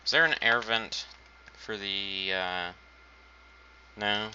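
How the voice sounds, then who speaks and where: A man's voice: fairly low pitch, fairly even intonation, takes it slowly, pushed and bright, slight background noise. A man casually commenting on his own gameplay, thinking aloud while building and making dry, self-mocking asides. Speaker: gaming channel host. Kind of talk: casual let's-play commentary. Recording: dull lo-fi home recording.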